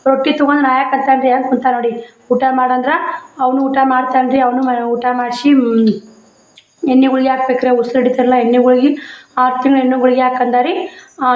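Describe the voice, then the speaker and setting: Fast-talking village woman vlogger, echoey room. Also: sits high, a little mellow. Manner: plain, repetitive, addresses viewers as friends. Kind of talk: casual daily-life vlog talk to viewers. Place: village home.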